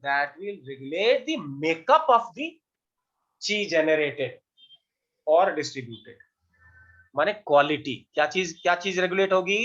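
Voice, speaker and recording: A fairly high-voiced man leads an online class, firing quick questions at his students as he explains. The sound is dull and lo-fi, like audio from a video call. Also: lively intonation, a bit bright. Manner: quizzing students with quick questions, mixing Hindi and English. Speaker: acupuncture teacher.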